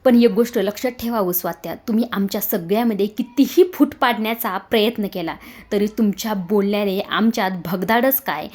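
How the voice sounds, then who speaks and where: A woman's voice: mid-range voice, brisk, a little mellow, close to an everyday voice. A woman reading the lines of a firm, caring young woman in a serial recap, in a reassuring manner.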